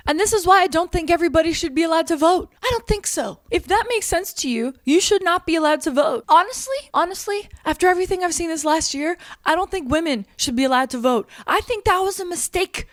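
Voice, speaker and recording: A woman's voice: extremely high pitch, fast talker, hardly any pauses, no room sound, clean studio sound. A woman hosting her own comedy show, ranting sarcastically to camera with exasperated rhetorical questions, sudden outbursts and plenty of swearing.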